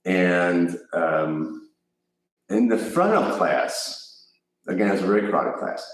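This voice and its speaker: A low-voiced man with a Chicago accent tells a meandering story about teaching yoga. He talks casually and keeps restarting his sentences. He sounds a little far from the mic in a very echoey room. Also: animated, takes it slowly. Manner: rambling, self-correcting anecdote with laughs.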